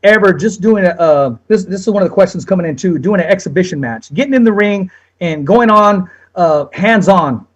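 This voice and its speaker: A man's voice: high-pitched, expressive, normal speed, muffled recording. A man hosting a casual interview, speaking in an informal, conversational way. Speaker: interviewer, host.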